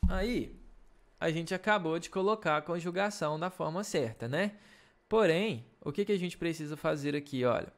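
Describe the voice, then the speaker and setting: A young man with a Brazilian Portuguese accent teaching an English grammar video lesson, explaining patiently and checking in often. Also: on the high side. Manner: slow, patient explaining with frequent check-ins.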